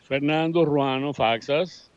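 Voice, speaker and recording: Un hombre cubano con acento cubano, entrevistado en la calle, habla con fervor y sin filtro, soltando groserías. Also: male voice, a little high, takes it slowly, dry recording. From Cuba. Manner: fervent, blunt, cursing freely. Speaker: supporter interviewed on the street. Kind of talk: street interview. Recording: dull lo-fi dry sound.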